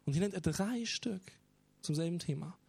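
A man's voice: fairly high pitch, expressive, normal speed, creaky, a little mellow, breathy edge, no echo. A man preaching a sermon, talking earnestly and with emphasis as he explains parables.

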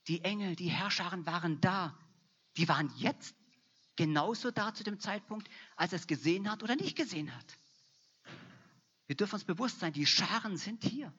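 Husky woman preacher, emphatic sermon, keeps repeating herself, muffled lo-fi sound. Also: on the low side, a bit bright. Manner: emphatic, repetitive, building to fervent. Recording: dull lo-fi recording.

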